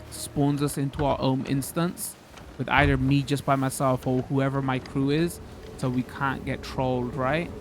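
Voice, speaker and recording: A man's voice: medium pitch, slight background noise. A man hosting a gaming video with casual commentary, hesitant and thinking aloud as he plays.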